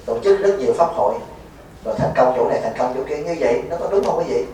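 A man's voice: mid-range voice, animated, fast talker, mellow. A man, a Buddhist monk giving a folksy dharma talk at a retreat, teasing and quizzing his listeners. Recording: echoey hall, mic far off, faint noise.

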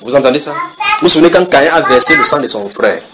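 A man's voice: on the high side, sing-song, fast, very noisy. French-speaking preacher, questioning his flock. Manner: questions the listeners, repeats phrases for emphasis. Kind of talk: Bible study sermon.

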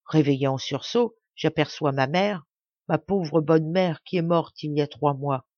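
A woman's voice: deep voice, measured pace, a little mellow, no room sound, highs cut off. A woman voicing a sly young boy prankster in a storybook, who pleads in a mock-tearful way. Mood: pleading.

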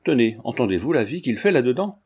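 A man reading the lines of an elderly female servant in an audiobook, grumbling and excited. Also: mid-range voice, fast talker, slightly rough. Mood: frightened.

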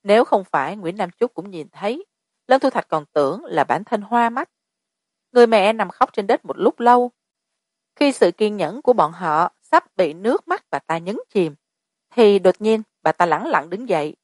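A woman narrating a story in a steady storytelling delivery. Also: mid-range voice, moderate pace, dry recording, studio quality. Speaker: audiobook narrator.

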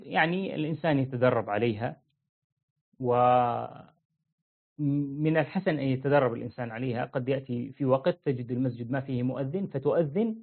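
A man giving an informal religious lesson, explaining plainly and demonstrating how phrases are chanted. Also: mid-range voice. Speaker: religious teacher. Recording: phone-like narrow audio.

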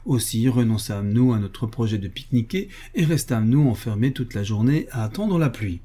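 A man reading a comic novel aloud in a lively, ironic way. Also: mid-range voice, brisk, breathy edge. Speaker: audiobook reader. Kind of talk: expressive audiobook narration.

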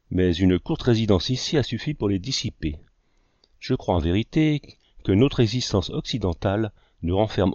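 A man's voice: fairly low pitch, no room sound, highs cut off. A man reading as a shy young girl. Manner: soft and gentle.

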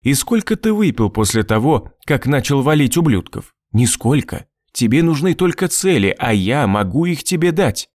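A man's voice: mid-range voice, very animated, a little slow, hardly any pauses, a little mellow, no echo, clean studio sound, pitched above the performer's own voice. A man voicing a mocking, sinister male manipulator in an audiobook, with a sneering, taunting manner.

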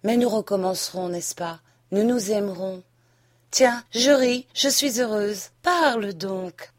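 A woman reading an audiobook and voicing a passionate young wife who pleads and then reproaches, a little higher and louder than her narration. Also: normal speed, dry recording, clean studio sound, lightly acted. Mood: pleading. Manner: impassioned, rising to reproach. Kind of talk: audiobook reading of a classic novel.

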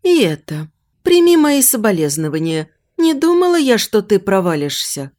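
A woman's voice: medium pitch, sing-song, normal speed, a little mellow, lightly acted. A woman voicing an invisible, bossy female spirit who scolds and lectures in a grumbling, preachy way. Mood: scolding. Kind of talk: audiobook character voice.

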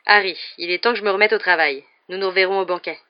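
Audiobook: reader plays a kind teacher wizard, soft and measured, mid-pitched, slightly muffled sound. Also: steady tone, lightly acted.

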